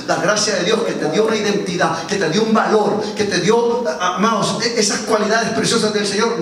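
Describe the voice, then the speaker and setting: A man preaching a sermon as pastor, telling a story and repeating words for emphasis. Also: sits high. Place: church hall. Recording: echoey church hall, distant mic.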